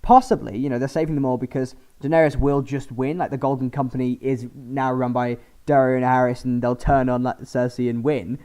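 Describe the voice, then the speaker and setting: A man co-hosting a podcast in a casual chat, animated, acting out quotes, sometimes trailing off quietly. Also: mid-range voice, a little fast, hardly any pauses, clear, resonant tone. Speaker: podcast co-host.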